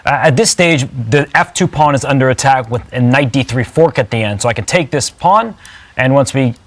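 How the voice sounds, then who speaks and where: A man's voice: medium pitch, expressive, brisk. A man giving explanatory live chess commentary, walking through moves step by step.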